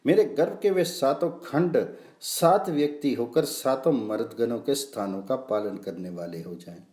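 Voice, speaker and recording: Devout mother goddess, imploring, lively rise and fall, mellow tone, roomy echo, voiced by a male reader. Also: mid-range voice. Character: devout mother goddess Diti, pleading, gentle.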